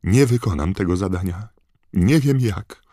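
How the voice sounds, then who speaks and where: A man's voice: low voice, huge pitch swings, slow, husky, no echo, clean studio sound, pitched above the performer's own voice, heavily acted. A man voicing an anxious, breathless teenage boy wizard. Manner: breathless, pleading.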